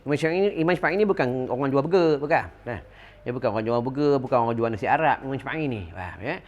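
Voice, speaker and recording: A middle-aged Malaysian man giving a religious lecture to an audience, telling stories with lively call-and-response asides. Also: mid-range voice, fast, dull audio. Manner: animated storytelling with call-and-response fillers. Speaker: religious teacher.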